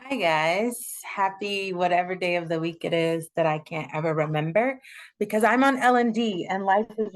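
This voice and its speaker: Chatty woman hosting a video panel. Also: fairly low pitch. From Houston, Texas. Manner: chatty, frequent ums. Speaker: panel moderator, second-year resident. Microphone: video call.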